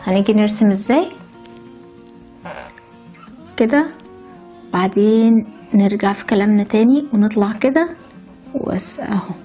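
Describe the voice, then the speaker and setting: A woman's voice: mid-range voice, measured pace, pauses often, mellow, faint music behind. Cheerful Egyptian woman teaching letters. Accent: Egyptian Arabic. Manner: cheerful, enthusiastic, explains step by step. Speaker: language teacher. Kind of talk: handwriting lesson with chatty asides.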